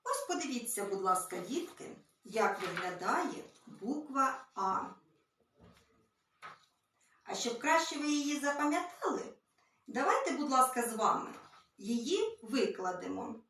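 A woman teaching a literacy lesson to small children, gently and patiently. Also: a little high, sing-song, unhurried. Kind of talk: early-years literacy lesson. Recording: very echoey room, far from mic.

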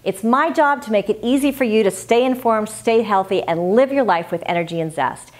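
A woman's voice: mid-range voice, brisk. A woman hosting a health tips video, speaking to camera in an emphatic, scripted style full of rhetorical questions.

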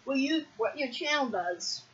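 On a vlog, a woman chats loudly and casually, teasing her co-host and frequently shouting during a candy challenge. Her voice is high and expressive, a little slow, and the recording sounds muffled.

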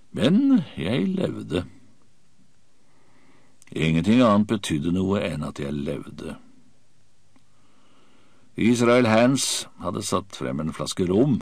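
Male audiobook narrator, deep voice, dramatic first-person reading, dry close sound. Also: creaky, a little mellow, no room sound.

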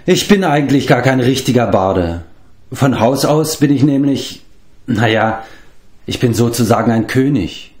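A man's voice: medium pitch, animated, moderate pace, darkish tone, close to an everyday voice. A man reading aloud and voicing a boastful, hapless former king turned wandering bard who rambles and corrects himself. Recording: roomy echo.

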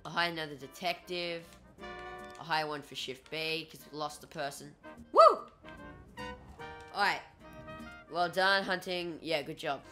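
A young man giving casual, excitable gameplay commentary as a YouTuber, talking to himself and swearing at the game. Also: a little high, moderate pace, soft background music. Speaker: gaming YouTuber.

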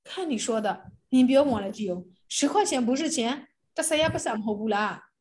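A woman's voice: fairly high pitch, animated, brisk, darkish tone, slight background noise, poor audio. A woman teaching a Chinese class, explaining phrases and calling on students to read. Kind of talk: classroom instruction.

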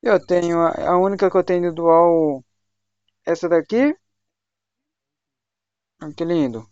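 A young man from Brazil, livestreaming games, talks slang and chatter with voice chat at an unhurried pace. His high voice is darkish, clear and resonant in a dry recording made on a dull, lo-fi home mic.

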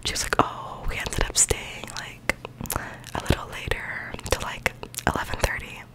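A young woman tells everyday stories in an intimate, breath-only whisper. She rambles informally, right up close to the microphone, in a casual ASMR style. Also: moderate pace. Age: young adult. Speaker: ASMR creator. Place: small bedroom, indoors. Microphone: large microphone with foam cover, very close.

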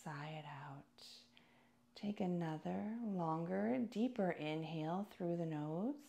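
Guiding a meditation, a yoga teacher speaks in a lowish voice with vocal fry. Her pace is deliberate and calming, with pauses separating her phrases.

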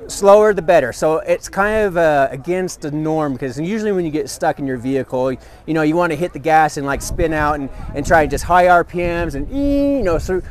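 Animated and brisk, with few pauses, a slightly high-voiced man in his thirties demonstrates a product at an outdoor expo booth. Eager and explanatory, he works with the item in hand while a camera mic picks him up from a few feet away.

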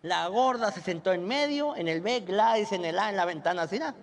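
A young adult man with a Mexican accent telling a crude, animated stand-up story. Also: high voice, a little fast, slight background noise. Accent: Mexican Spanish. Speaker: stand-up comedian. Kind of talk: stand-up comedy monologue.

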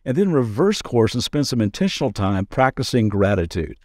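A man's voice: mid-range voice, sing-song, a little fast, no room sound, studio quality. A man pastor giving a daily devotional podcast talk in an earnest, conversational way, with playful asides.

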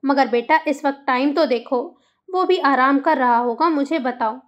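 A woman voicing an older mother figure who calms and gently admonishes. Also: sits high, normal speed, muffled recording, close to an everyday voice. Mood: soothing. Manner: calming, admonishing.

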